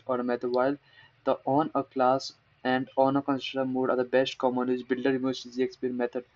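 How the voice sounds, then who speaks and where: A man's voice: medium pitch, dull audio. Rambling man repeating words aloud. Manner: rambling, self-mocking, repeats words to practice pronunciation. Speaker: programmer reading a tech post. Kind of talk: casual screen-recorded coding talk.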